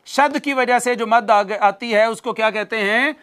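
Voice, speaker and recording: A male recitation teacher giving a classroom lesson, repeating definitions slowly for dictation and asking questions he then answers himself. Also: very high-pitched, fairly bright tone.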